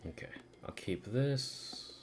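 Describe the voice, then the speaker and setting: This livestreamer takes things slowly, talking casually about a game with background noise and music under the voice. At times they gush, and at other times they murmur to themself as they work.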